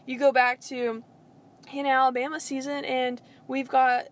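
A woman's voice: sits high, level tone, normal speed. A young woman co-hosting a casual pop-culture podcast, rambling with lots of filler words. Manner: rambling, filler-heavy with frequent "like". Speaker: podcast co-host.

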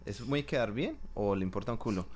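A man's voice: fairly low pitch, expressive, brisk, a little mellow, breathy edge. A man hosting a podcast in casual chat, joking crudely and teasing his guest. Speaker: podcast host.

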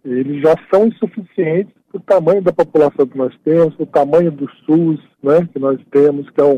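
A man speaking by phone as a radio interview guest, explaining at a steady pace and often tagging his phrases with a questioning "right?". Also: fairly high pitch, slightly rough. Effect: heard over a phone line. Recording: tinny dry phone line.

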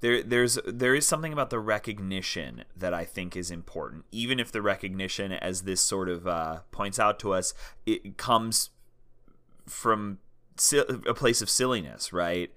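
A man's voice: lowish voice, moderate pace, bright, forceful tone. A man in a casual academic discussion, rambling and often checking in with "right?". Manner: rambling, circles back with "right?".

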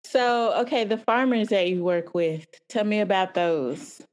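A woman's voice: mid-range voice, measured pace, a little mellow. A woman hosting a podcast interview, playful and teasing with her guest. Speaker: podcast host. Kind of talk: casual interview conversation.

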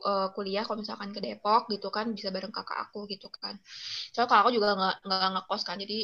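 A woman's voice: medium pitch, level tone, fast, gravelly, bright, forceful tone. A young woman telling a personal story in casual chat, rambling with many fillers. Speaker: interviewee. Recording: muffled lo-fi recording.

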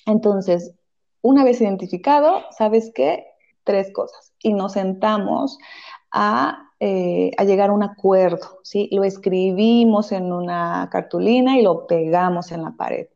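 Woman, parenting professional, patient explainer, mellow tone, lo-fi audio. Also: medium pitch, unhurried, gravelly. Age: adult, parent of a young child. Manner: explains patiently with frequent "¿sí?" checks. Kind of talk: conversational advice talk. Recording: slightly dull lo-fi audio.

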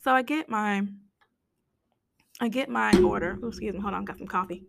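An American woman hosting a casual solo podcast rant, hoarse with her voice nearly gone, raspy and whispery, speaking bluntly. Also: medium pitch, normal speed, very noisy. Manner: blunt, complaining, mildly sweary. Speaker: podcast host.

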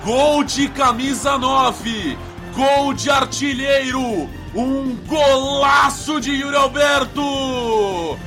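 Explosive, high-pitched Brazilian football goal commentator, man. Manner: shouted, drawn-out, exuberant goal calls. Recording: echoey, music behind.

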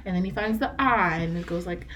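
A young woman and mother co-hosting a casual podcast, telling stories and quoting herself in bright, raised tones. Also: lowish voice, brisk, a little hiss or hum. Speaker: podcast co-host. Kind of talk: casual chat.

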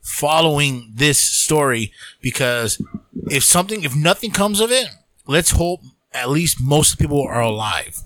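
A man's voice: a little high, animated, unhurried, fairly bright tone, no echo. A man co-hosting a podcast, talking loosely and animatedly, swearing freely as he tells stories. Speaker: podcast co-host. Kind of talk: casual chat.

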